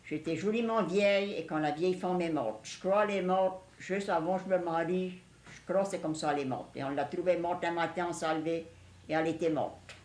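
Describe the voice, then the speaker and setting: A woman's voice: on the low side, brisk, a little mellow. Older Cajun French woman in an echoey room. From Louisiana, USA. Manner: plain-spoken, rural storytelling with English words mixed in. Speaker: interviewee recalling family life. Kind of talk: casual oral-history reminiscence.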